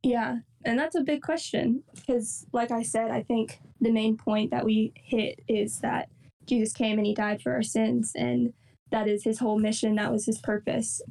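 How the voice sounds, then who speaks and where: Young woman talking faith stuff, earnest, steady flat delivery, kinda far from the mic. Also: on the high side, gravelly. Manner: earnest, unhurried, with soft fillers. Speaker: campus ministry coordinator. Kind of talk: reflective devotional talk.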